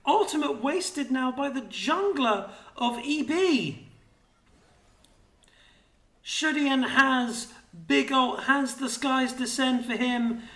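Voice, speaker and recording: High-voiced excitable esports caster. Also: male voice, takes it slowly, roomy sound. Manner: excitable, shouts during fights. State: out of breath. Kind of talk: live esports commentary.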